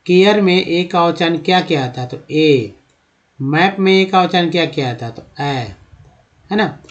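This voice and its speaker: Male teacher with a fairly high voice, patient step-by-step explainer, muffled lo-fi audio. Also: expressive, normal speed. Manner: repeats questions and answers them himself, addresses viewers as friends. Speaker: English teacher. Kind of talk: explanatory lesson. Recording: dull lo-fi sound.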